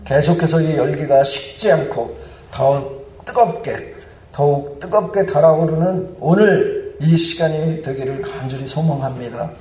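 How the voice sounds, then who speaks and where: A man's voice: a little high, a little slow, warm tone. Earnest male preacher in an echoey church. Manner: earnest, building to fervent proclamation. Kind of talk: sermon. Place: church sanctuary. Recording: roomy church hall, mic at a distance.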